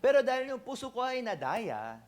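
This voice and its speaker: A man preaching an animated sermon as pastor at a church service. He switches between two languages, acts out little dialogues and keeps checking in with the congregation. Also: extremely high pitch, fairly quick. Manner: asks the congregation "Amen?".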